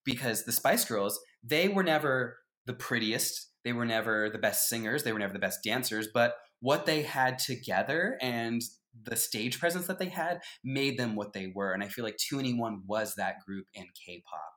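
A man's voice: medium pitch, normal speed, hardly any pauses, sharp tone. A man co-hosting a podcast in casual chat, giving his opinions with emphatic swings. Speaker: podcast co-host.

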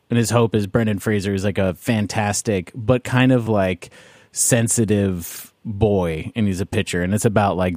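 A man's voice: on the low side, a little mellow, no room sound, clean studio sound. A man, hosting a casual movie chat and rambling through his points with lots of fillers. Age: 30s. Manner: rambling, loose, many fillers. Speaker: podcast host.

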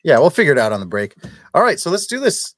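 A man co-hosting a casual podcast, jokey and laughing often in lively banter. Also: fairly high pitch, fast, dry recording, clean studio sound. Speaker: podcast co-host.

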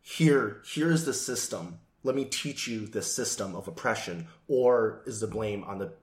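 A man's voice: lowish voice, measured pace. A man in casual discussion who thinks aloud, asking probing questions with restarts. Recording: echoey room.

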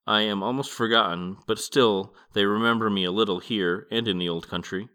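A man's voice: lowish voice, brisk, pushed and bright, clear, resonant tone. A man voicing a weary, brooding old male god in a podcast book reading, keeping close to his own reading voice.

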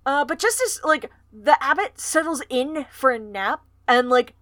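A woman's voice: sits high, unhurried, fairly bright tone, no echo, studio quality. A woman co-hosting a podcast, chatting casually and recapping a book's plot, swearing now and then. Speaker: podcast co-host. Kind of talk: casual book discussion.

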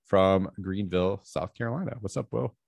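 An American man with a croaky, frog-like voice, sniffly with a cold, hosting a casual film podcast in a chatty way full of asides. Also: low voice, moderate pace, darkish tone, dry recording. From southeastern United States. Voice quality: croaky, froggy voice. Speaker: podcast host.

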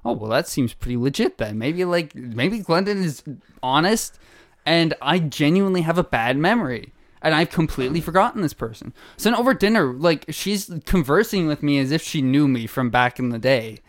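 Young man telling an animated story. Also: a little high, moderate pace, no room sound. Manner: animated, laughing storyteller acting out quotes. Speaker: podcast co-host. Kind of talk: casual storytelling chat.

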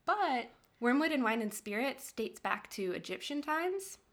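A woman's voice: sits high, big pitch swings, a little slow, fairly bright tone. A woman co-hosting a casual podcast, reading out history notes in a chatty way and laughing often. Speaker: podcast co-host.

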